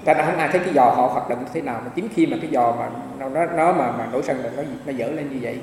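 Monk in a booming echoey hall. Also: male voice, very fast, darkish tone. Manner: rambling, repeats small words often. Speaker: Buddhist monk. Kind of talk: dharma talk with anecdotes. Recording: echoey hall, mic far off, faint hiss.

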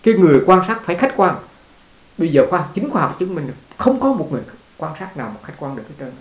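Gravelly man giving a dharma talk. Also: on the high side, big pitch swings, quick pace. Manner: conversational, repeats words, laughs with the audience. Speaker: Buddhist teacher. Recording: echoey room.

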